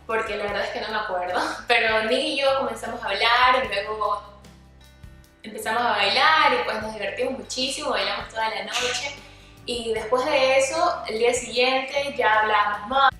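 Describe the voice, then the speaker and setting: A young woman from Ecuador telling a casual storytime vlog, lively, sometimes acting out quoted dialogue. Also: a little high, distant mic. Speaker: vlogger. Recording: echoey room, voice a bit off-mic, faint music.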